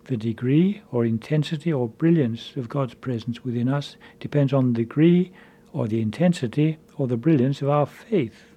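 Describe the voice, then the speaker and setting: A man giving a measured, earnest spiritual conference talk as a preacher. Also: medium pitch, dark tone, breathy edge.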